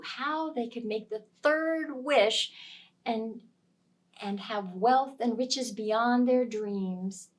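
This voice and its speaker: A woman with a mid-range voice tells a story aloud to young children, delivering it expressively and dramatically and leaning on key words. The mic sits at a distance.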